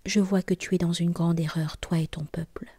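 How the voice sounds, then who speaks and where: An earnest, devout older patriarch, read by a woman in a low, mellow, half-whispered voice. The words come soft and close, with no room around them. He speaks with quiet conviction. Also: fairly even intonation, moderate pace, breathy edge, no room sound.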